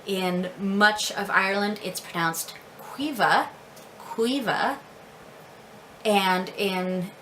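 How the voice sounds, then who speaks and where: Slow, bright-voiced American woman. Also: mid-range voice, level tone, a little hiss or hum, rough recording. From United States. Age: adult with several children. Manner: laughs often, slow and careful, repeats words. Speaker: Irish language learner. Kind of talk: casual video lesson.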